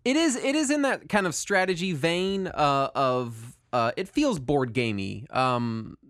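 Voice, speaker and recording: A man's voice: on the high side, big pitch swings, unhurried, fairly bright tone, dry recording, clean studio sound. A man, chatting casually as a podcast co-host in a hesitant, rambling way. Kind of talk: casual chat.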